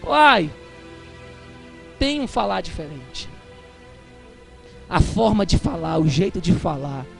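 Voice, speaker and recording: Man, Brazilian Portuguese accent, Pentecostal preacher, very high gravelly voice, chatty then shouting, faint music behind. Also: big pitch swings, slow pace, pauses often. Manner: swings from chatty storytelling to fervent shouting. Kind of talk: Pentecostal sermon.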